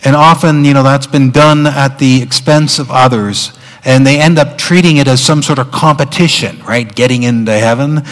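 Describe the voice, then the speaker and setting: A man's voice: mid-range voice, normal speed, a bit bright, big-room sound, rough recording. A man preaching a sermon as pastor, conversational, with frequent fillers and restarts.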